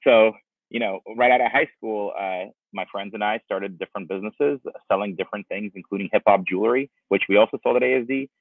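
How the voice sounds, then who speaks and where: Dialing in from a patio outside, this guest, a company founder born in Russia and in his forties, talks fast in a fairly low voice. Wireless earbuds give the video call a dry, thin, phone-like sound. His answers wander, packed with fillers and frequent restarts.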